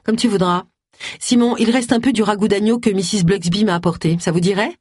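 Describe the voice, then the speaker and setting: A woman reading aloud voices a bossy amateur woman detective who talks briskly and gives orders. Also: mid-range voice, a little mellow, husky, no echo, studio quality, voice pushed up, lightly acted. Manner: brisk and commanding.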